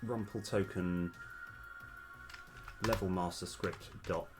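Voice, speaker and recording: A man's voice: deep voice, fairly even intonation, takes it slowly, music in the background. A man streaming game development live, thinking aloud over his code with many hesitations, his voice slightly worn. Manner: hesitant, many ums, talks through code.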